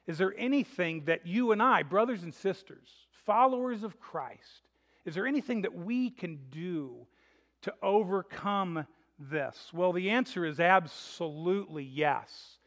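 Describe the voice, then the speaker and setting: A man's voice: sits high, expressive, measured pace, a bit bright. A man preaching a sermon as pastor, chatty and joking at times, earnest when preaching. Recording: reverberant hall.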